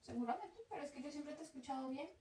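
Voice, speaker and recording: Racing along in a high-pitched, warm voice, a young Colombian Spanish-accented vlogger chats about her travels. She's reflective yet chatty and laughs easily during this casual talk. Echo from the room and faint noise color the audio.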